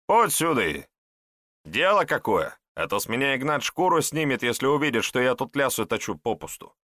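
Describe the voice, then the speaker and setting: A man's voice: mid-range voice, big pitch swings, moderate pace, bright, forceful tone, dry recording, clean studio sound, voice pushed up. A man voicing a stocky, well-fed young estate worker who grumbles reluctantly. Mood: grumbling. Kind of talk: audiobook character voice.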